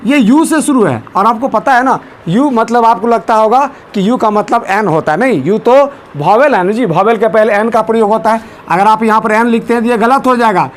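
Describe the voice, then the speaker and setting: A man teaching English grammar, repeating questions and calling on students to answer aloud. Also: very high-pitched. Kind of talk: classroom lesson.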